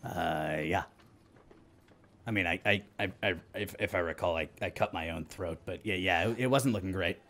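A man voicing a casual, evasive undead killer with a husky voice and a hesitant, awkwardly polite manner in a tabletop game. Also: deep voice, moderate pace, fairly bright tone. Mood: awkward, offhand.

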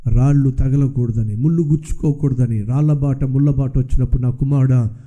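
A man voicing God as a calm, fatherly deity in a sermon story, speaking deep, slow and reassuring. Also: muffled recording, close to an everyday voice.

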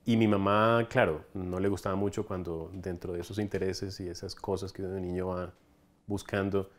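A man in his forties from Ecuador with a coastal Ecuadorian accent, telling stories with animated enthusiasm in a documentary interview, recorded on a lapel mic in a room lined with specimen cabinets. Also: sits low, moderate pace. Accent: Ecuadorian coastal Spanish. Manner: animated, enthusiastic storytelling with hand gestures. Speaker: entomologist, collections coordinator.

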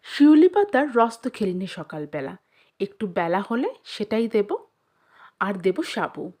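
A woman voicing a sharp-tongued village mother who scolds her son with sarcasm, a little lower than her own voice. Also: big pitch swings, unhurried. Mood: scolding.

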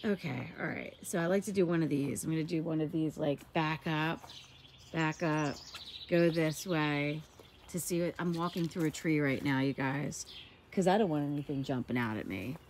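A garden vlogger in her forties chats enthusiastically and laughs easily on a casual walk-and-talk vlog, filmed outdoors on a handheld phone. Her stuffy, nasal voice sits low with a darkish tone and a moderate pace. There's slight background noise.

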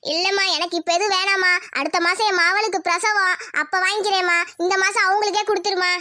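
A woman's voice: very high-pitched, fairly even intonation, pushed and bright, dry recording, studio quality, pitched below the performer's own voice. Woman voicing a bossy village mother. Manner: brisk, scolding.

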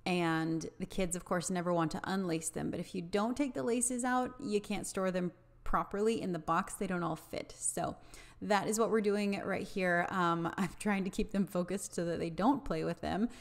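A woman's voice: on the low side, normal speed. A woman in her thirties, a home vlogger, explaining her cleaning routine in a plain, matter-of-fact voice-over. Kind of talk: voice-over narration.

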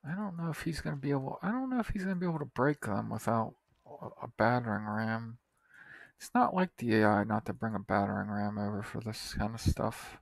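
Man, gravelly low voice, frustrated game commentary, swearing, dry close recording, mouse clicks. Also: brisk, no room sound. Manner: frustrated, swearing, muttering to himself. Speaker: gaming video creator.

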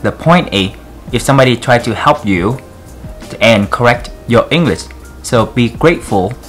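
A man with a heavy Vietnamese accent speaks to his channel in an earnest, encouraging way, with plain and broken English phrasing. His voice sits fairly low. Soft music plays faintly underneath. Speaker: vlogger. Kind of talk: encouraging vlog talk to camera.

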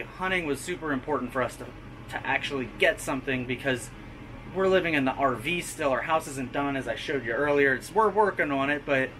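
Speaking right into an arm's-length camera, the thirty-something homestead vlogger narrates casually outdoors on his rural property before heading into a camper. His mid-range voice sounds pushed and bright. The rough recording has slight background noise, and his manner stays chatty and easygoing throughout.

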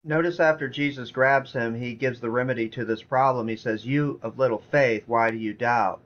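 A man's voice: mid-range voice, steady tone, normal speed, fairly bright tone, lo-fi sound. A man preaching a sermon in an earnest, repetitive way, reading scripture passages aloud. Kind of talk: sermon teaching.

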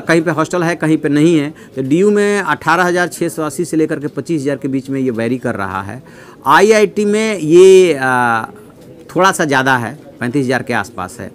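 A middle-aged news analyst sits at a newsroom desk indoors, delivering measured commentary. His voice runs on the high side as he reads figures from his notes, dropping frequent "uh" fillers.

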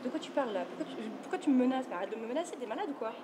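A woman's voice: sits high, expressive, racing, noisy background. A frantic, foul-mouthed thirtyish woman. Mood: defensive. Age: around 30. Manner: swears constantly, repeats herself in frantic bursts. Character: panicked woman, about thirty, quick-tempered and profane. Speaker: woman quarrelling by phone with her best friend. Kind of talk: film acting. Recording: film soundtrack with music underneath.

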